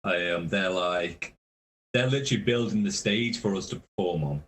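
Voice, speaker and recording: A man who tours in a metal band laughs through rambling, curse-heavy tour anecdotes in a casual podcast setting. He has a low-pitched, slightly bright voice and talks at a normal pace.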